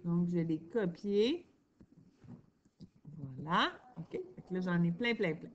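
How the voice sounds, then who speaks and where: A woman with a Québécois accent teaching a reading lesson to children, sounding out words slowly and praising answers. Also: lowish voice, sing-song, muffled recording, slight background noise. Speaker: primary school teacher.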